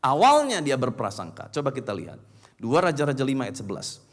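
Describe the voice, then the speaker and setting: Male pastor, emphatic sermon, lively voice, long hall reverb. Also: mid-range voice, brisk. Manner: animated, emphatic preaching.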